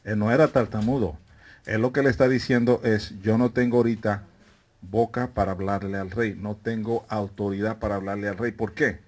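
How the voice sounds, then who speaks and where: A male preacher with a somewhat low voice teaches a Bible lesson in a meeting room. He keeps questioning his listeners and calls them brethren. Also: fairly even intonation, moderate pace. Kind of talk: interactive teaching sermon. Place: meeting room with a live congregation.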